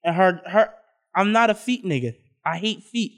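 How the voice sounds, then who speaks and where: A man's voice: sits high, animated, moderate pace. A young man co-hosting a podcast who tells crude, joking stories in casual chat. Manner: loud, crude, joking storyteller. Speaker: podcast co-host.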